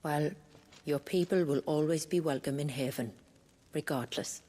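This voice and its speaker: An actress playing a proud, protective warrior chief in a video game, speaking in a solemn, deliberate way. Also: female voice, sits low, dark tone. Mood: guarded, proud. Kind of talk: dramatic video game acting. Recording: long reverb, music behind.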